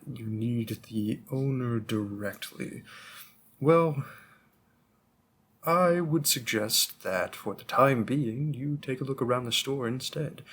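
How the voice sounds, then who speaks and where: In a roleplay audio drama, a man plays a long-lived, old-fashioned bookstore keeper who addresses the listener politely, rambling in a gently formal way. His mid-range voice has a breathy edge and is heavily acted, with a mood that's courteous yet guarded.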